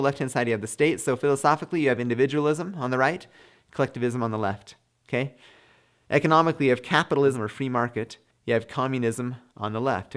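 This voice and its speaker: Brisk, emphatic male civics lecturer. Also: medium pitch. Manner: emphatic, punctuates points with "okay?". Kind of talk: classroom lecture with slides.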